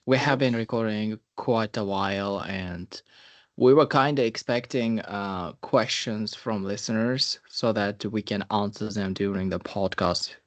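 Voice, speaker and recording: A young man in his twenties hosts a casual podcast, speaking in a fairly low voice. He talks slowly and earnestly, reflecting as he goes and offering advice like an older brother. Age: 20s. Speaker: podcast host.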